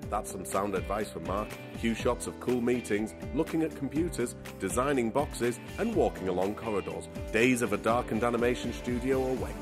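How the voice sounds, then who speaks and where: A man's voice: mid-range voice, moderate pace, few pauses, over music. Wry male voice-over narrator. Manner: wry, playful. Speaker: show narrator. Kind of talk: scripted narration.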